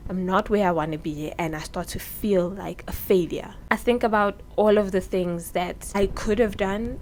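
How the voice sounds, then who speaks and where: A woman's voice: on the low side, a little mellow, a little hiss or hum, low-quality recording. A woman in her early twenties with a South African accent, talking candidly and earnestly in a sit-down advice vlog on her own microphone. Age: early 20s. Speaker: vlogger. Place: indoors, seated. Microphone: own microphone with popping.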